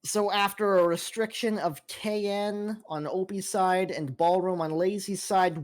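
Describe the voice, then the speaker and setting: A woman host casting a competitive video game match. She calls picks and plays at a measured, slow pace and walks through each step of the action. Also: medium pitch. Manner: steady play-by-play, calls the draft and action. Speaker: host caster. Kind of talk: esports play-by-play.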